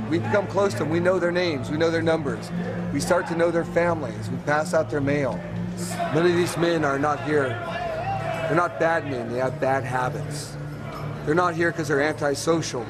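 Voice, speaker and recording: An American man working as a prison officer, explaining the job off the cuff in short, plain phrases. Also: a little high. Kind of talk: unscripted on-the-job explanation to camera. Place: inside a large prison cell block. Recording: noisy prison block, loud music and crowd. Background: crowd din and music.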